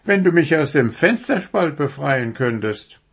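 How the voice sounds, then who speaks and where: A man's voice: a little high, animated, a little slow, gravelly, husky, voice pushed up, full character voice. A man doing a grumpy, sleepy little owl. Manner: complaining, grumbling.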